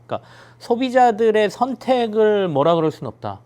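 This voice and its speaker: A man's voice: high-pitched, sing-song, moderate pace, a little mellow, clear, resonant tone. A man talking thoughtfully on a talk panel about his own parenting. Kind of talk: casual chat.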